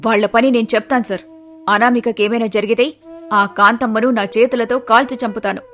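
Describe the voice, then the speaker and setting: A woman voicing a fierce young female police inspector in an animated story, speaking angrily and forcefully. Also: on the high side, a little fast, faint music behind, natural voice. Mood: furious. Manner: angry, forceful.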